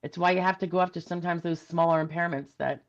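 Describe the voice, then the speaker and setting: A woman's voice: fairly low pitch, steady tone, fast talker, highs cut off. A woman attorney in a casual discussion, thinking aloud and checking in with "right?".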